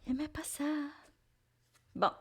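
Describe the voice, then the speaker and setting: Slow Québécois woman reading tarot. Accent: Québécois French. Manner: slow, hesitant, many fillers and restarts. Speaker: tarot reader. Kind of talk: tarot card reading for viewers.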